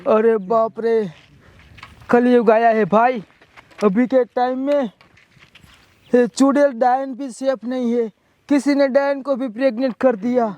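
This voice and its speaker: A man playing a police officer in a rural comedy sketch, talking in a loud, panicky, scolding way. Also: very high-pitched, fairly even intonation, a little slow, pauses often.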